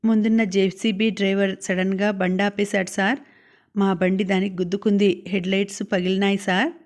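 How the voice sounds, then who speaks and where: A woman's voice: mid-range voice, level tone, fairly quick, a little mellow, lightly acted. A woman voicing an apologetic male custody guard explaining himself, in an audiobook.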